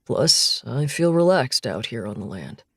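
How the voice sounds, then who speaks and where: A woman voicing a gruff, teasing male rancher in an audiobook. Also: extremely low pitch, big pitch swings, measured pace, no echo, clean studio sound, voice pushed down, exaggerated voice. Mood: calm.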